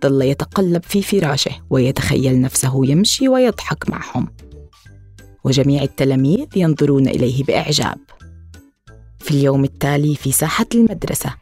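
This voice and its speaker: A woman narrating a children's storybook in an expressive reading voice. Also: a bass voice, a little fast, slightly rough, faint music behind.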